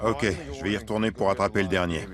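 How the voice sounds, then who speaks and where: Un acteur en piégeur déterminé, voix plutôt grave. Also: male voice, sits low, steady tone, quick pace, close to an everyday voice. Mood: determined. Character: determined male wildlife catcher on the job. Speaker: animal catcher in a dubbed documentary. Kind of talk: dubbed documentary reality commentary. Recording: loud music behind the voice.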